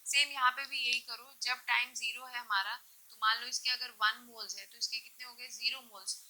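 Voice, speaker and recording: A woman's voice: a little high, fairly even intonation, brisk, pushed and bright, poor audio. A woman teaching a chemistry lesson, explaining step by step and often asking questions, then answering them herself. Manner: checks in often with short confirmations. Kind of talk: classroom lecture mixing Hindi and English.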